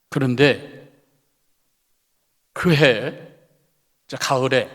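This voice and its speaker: A man preaching a Sunday sermon as pastor. He tells a story animatedly and keeps checking in with the congregation. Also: mid-range voice. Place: church sanctuary. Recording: long church hall reverb.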